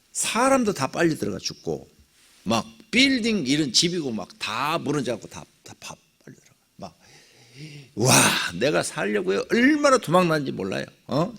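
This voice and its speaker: A middle-aged male pastor telling a personal testimony in a dawn prayer sermon, dramatic, with sudden swings between loud cries and near whispers. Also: on the high side, creaky, breathy edge.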